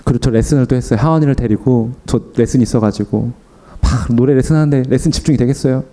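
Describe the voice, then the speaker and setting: During an afternoon sermon, a young man with a mid-range voice moves at a quick pace through a personal story. His delivery is animated, and he performs the lines of everyone involved, himself included.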